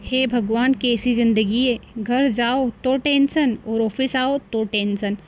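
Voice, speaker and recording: Harried young cartoon husband, voiced by a woman: meek, weary, pleading, slightly high. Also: fairly even intonation, slow. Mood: despairing. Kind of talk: cartoon voice acting.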